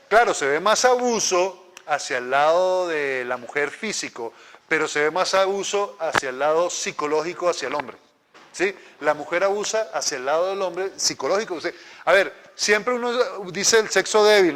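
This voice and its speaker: A man's voice: fairly high pitch, a bit bright. A male pastor, teaching a church class in a conversational way, joking and asking the audience questions. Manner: conversational, asks the audience, jokes. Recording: long hall reverb.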